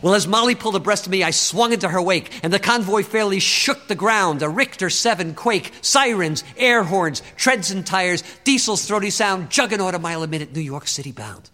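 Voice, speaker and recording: A man tells a rhyming story in a rhythmic spoken-word style, his delivery driving forward line by line. His voice is bright and a bit high for a man. Long reverb trails behind him. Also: expressive, brisk, few pauses.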